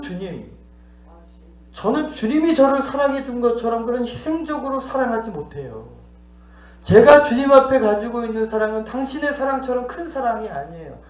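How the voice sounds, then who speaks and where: Male pastor, high-pitched, preaching with questions to the congregation and acted dialogue, in a reverberant church. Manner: teaching, asks the congregation questions and acts out dialogue. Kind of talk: sermon. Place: church sanctuary.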